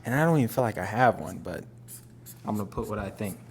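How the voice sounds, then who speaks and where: A man's voice: on the low side, lively intonation, fast talker, darkish tone, slight background noise. Dry, teasing young man. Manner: dry teasing, laughs often. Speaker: podcast co-host. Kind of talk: casual couple chat.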